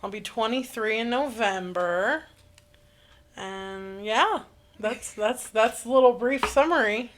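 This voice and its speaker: 20-something woman from indiana, candid podcast chat, fairly high voice. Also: slow pace. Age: 20s. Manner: candid, speeds up when excited. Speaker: podcast co-host. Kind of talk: casual chat.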